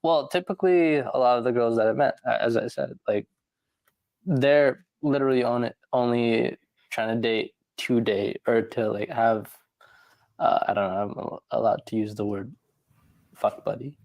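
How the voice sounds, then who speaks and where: Halting man in a dry close recording. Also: medium pitch, vocal fry, a little mellow, no echo. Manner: halting, searching for words. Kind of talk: conversation about dating.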